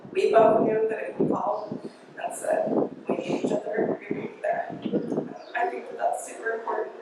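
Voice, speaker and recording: A woman gives a eulogy in a church, laughing through tears and slipping into playful impressions of her family. She is picked up from far off, so her voice rings through a very echoey hall over steady background noise. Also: a little high. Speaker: family member giving a eulogy. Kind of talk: memorial speech.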